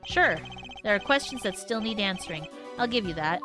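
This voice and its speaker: A stern male agent with short, gruff lines, voiced by a woman. The voice is pushed low and kept curt. Game music hums behind it. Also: animated, moderate pace, lightly acted.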